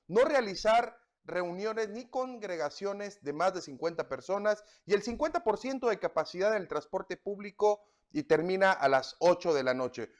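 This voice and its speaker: A man hosting a political talk show, speaking in a measured, formal way. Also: sits high. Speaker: host.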